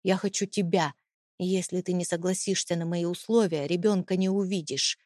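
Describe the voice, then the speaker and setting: An icy, domineering husband, as a woman narrator puts him on, speaking with slow contempt and quiet menace in a low register. The audiobook sound is dry and close, with no room around it. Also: steady tone, no echo, close to an everyday voice. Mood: cold menace. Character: cold, contemptuous, domineering husband, adult man. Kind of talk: audiobook character reading.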